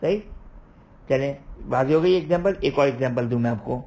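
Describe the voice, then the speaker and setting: A man's voice: mid-range voice, darkish tone. Man explaining religious law, repeating points. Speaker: religious lecturer. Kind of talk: online jurisprudence lecture.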